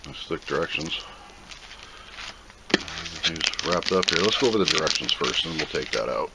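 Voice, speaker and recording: A man with a bass voice talks at a normal speed, hosting a product review video and giving a casual, plain-spoken unboxing commentary. He rambles and thinks aloud as he goes. Background noise is clearly audible in the recording.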